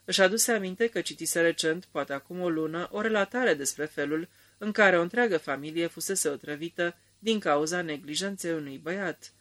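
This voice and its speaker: A man narrating a radio drama in a calm, measured storytelling manner. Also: fairly high pitch, close to an everyday voice.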